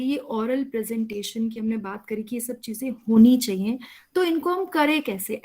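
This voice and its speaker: A woman's voice: fairly high pitch, darkish tone. A woman teacher lecturing a college class over a video call, explaining patiently and often checking in with her students.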